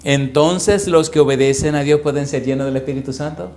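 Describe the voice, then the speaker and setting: Pastor preaching in an echoey church. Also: male voice, a little high, fairly even intonation, fairly quick, a little mellow. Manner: storytelling with many rhetorical questions to the congregation. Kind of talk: sermon.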